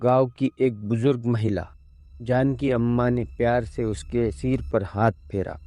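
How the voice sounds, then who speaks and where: A man narrating a scripted horror story in a measured, ominous way. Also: medium pitch, steady tone, dark tone. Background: faint music.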